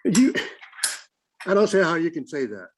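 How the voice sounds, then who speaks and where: A man county commissioner joining a public meeting by video call, speaking bluntly and reading his motion deliberately. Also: on the high side, very animated, a little hiss or hum. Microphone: remote video call.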